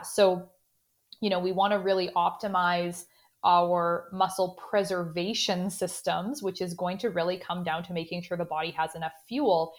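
A sports dietitian with a Canadian accent appears as a guest on a podcast interview. Her voice sits on the low side, and she explains things steadily, often filling gaps with "you know."

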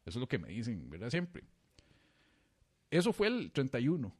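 A man's voice: mid-range voice, wildly swooping pitch, normal speed, husky. A man with a Costa Rican accent, a podcast co-host telling a rambling, self-mocking story in a casual, slangy way. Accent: Costa Rican Spanish.

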